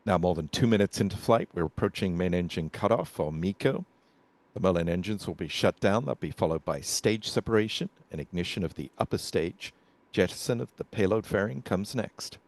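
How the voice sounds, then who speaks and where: A man giving measured, explanatory live commentary on a launch as a webcast commentator. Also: low voice, darkish tone.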